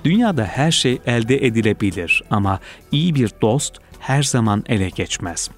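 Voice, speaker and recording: A man reading a personal essay aloud in a calm, measured, reflective way. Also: mid-range voice. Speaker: reader. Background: faint music.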